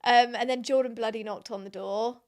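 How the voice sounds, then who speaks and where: Young girl cohosting a podcast, giggly, bit higher voice. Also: steady tone, moderate pace, smooth. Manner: giggly, self-deprecating. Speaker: podcast co-host. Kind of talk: casual chat.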